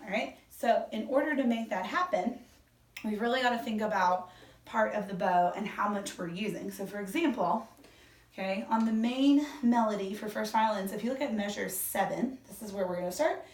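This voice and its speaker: A woman's voice: medium pitch, normal speed. A woman orchestra teacher giving a violin lesson, explaining step by step and counting beats aloud. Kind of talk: instrument lesson. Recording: echoey room, mic at a distance, violin playing.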